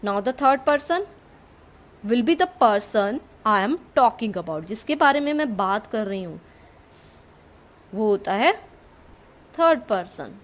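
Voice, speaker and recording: A woman teacher with an Indian English accent, explaining grammar to students in English and Hindi and repeating the key terms. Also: fairly high pitch.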